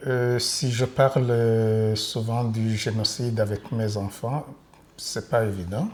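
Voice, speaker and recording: A man's voice: on the low side, steady tone, slow pace, slight background noise. A man of Rwandan origin giving a hesitant testimony in an interview, with many fillers.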